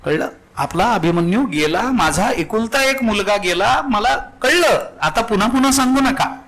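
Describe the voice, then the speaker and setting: A steady, grieving mother speaks in a high, bright voice, as a male preacher puts her on. Her grief is held back, and she reasons quietly. It is part of a devotional sermon story. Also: normal speed. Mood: calm grief. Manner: calm, reasoning, restrained grief. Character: grieving mother, calm and steady, questioning god.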